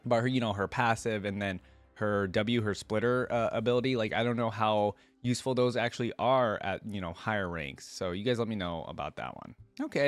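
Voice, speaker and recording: A man hosts a reaction video, rambling and musing to his viewers on a close mic. His voice is on the low side, with no room sound.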